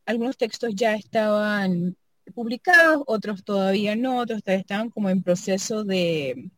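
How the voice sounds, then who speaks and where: Reflecting on her work as a sound artist and double bassist, this woman thinks out loud in a relaxed way, frequently ending with tag questions. She speaks at normal speed with a fairly bright tone, and the recording is dry.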